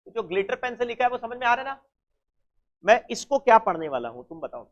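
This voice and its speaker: A man's voice: extremely high pitch, sing-song, quick pace. A man teaching an accounting class, who keeps prodding his students with the same questions over and over. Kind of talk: classroom lecture. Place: coaching classroom. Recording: dull lo-fi classroom recording.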